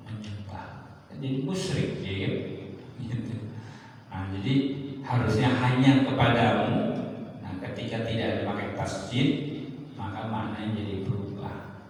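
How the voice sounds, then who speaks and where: Male mosque teacher, low-pitched, unhurried lesson with chanted examples; boomy hall, mic far off. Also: fairly even intonation, a little mellow, slight background noise. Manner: slow, explanatory, chants Arabic recitation examples. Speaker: religious teacher. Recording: echoey hall, distant mic.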